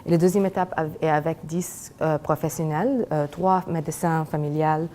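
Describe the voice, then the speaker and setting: A young woman gives an academic presentation in non-native French with a foreign accent. Her voice is low and dark, and she speaks hesitantly, often searching for words. Faint noise sits behind her. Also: normal speed. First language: not French. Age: young adult. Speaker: graduate student presenting research. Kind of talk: academic presentation of a thesis project.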